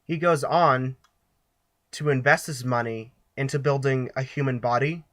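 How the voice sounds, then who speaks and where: A man's voice: mid-range voice, steady tone, unhurried, fairly bright tone, dry recording. A young man narrating a student skit in an offhand, rambling way.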